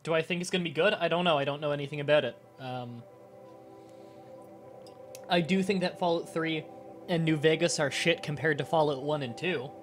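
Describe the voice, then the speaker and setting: Male streamer, slightly high pitch, stuffed-up nasal sound, nasal strip on, short-winded, halting casual chat, background music. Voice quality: congested nasal voice, wearing a nasal strip. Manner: halting, with pauses to breathe and throat clearing. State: congested, short of breath. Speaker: live streamer. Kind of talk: casual livestream chat to viewers.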